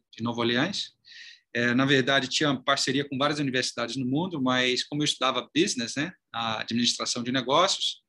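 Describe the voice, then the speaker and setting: In his forties and from Salvador, Bahia, Brazil, this chamber of commerce president recounts his career in a conversational interview. His mid-range voice is bright and forceful, and he speaks articulately despite frequent fillers.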